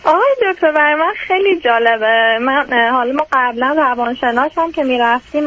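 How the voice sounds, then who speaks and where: A woman's voice: a little high, fairly bright tone. A woman in her thirties calling in over the phone, explaining her marriage troubles in hesitant, rambling sentences. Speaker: caller. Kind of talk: phone-in about marriage problems. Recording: muffled phone line with faint hiss.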